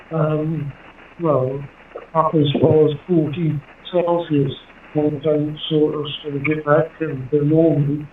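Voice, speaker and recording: A man's voice: fairly high pitch, echoey room, distant mic. A man from Jersey in the Channel Islands chatting and giving call signs as a ham operator over two-way radio. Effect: two-way radio transmission. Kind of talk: ham radio contact, phonetic spelling and casual chat. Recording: tinny handheld radio through repeater, faint hiss.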